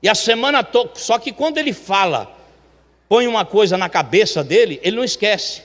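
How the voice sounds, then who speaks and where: High-voiced man telling a story from the pulpit. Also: a little fast. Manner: chatty, animated, acts out the voices of the people in his story. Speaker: church elder telling a testimony. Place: church sanctuary. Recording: long reverb of a church hall.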